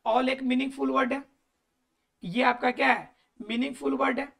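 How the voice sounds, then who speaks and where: A woman teacher with a high voice and a gravelly, fry-edged texture explains grammar patiently. She poses a question to the class, then answers it herself. She repeats each key term to drive it home. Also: steady tone, moderate pace, a bit bright. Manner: asks and answers her own questions, repeats key words. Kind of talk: explanatory lesson.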